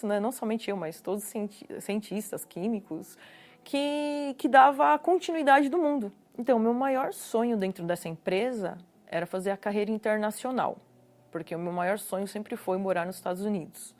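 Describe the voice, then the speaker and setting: A Brazilian woman with a Brazilian Portuguese accent shares her personal testimony in an earnest way. Her voice sits a little on the high side. She often repeats words to stress a point. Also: normal speed, a little mellow. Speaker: guest giving a personal testimony.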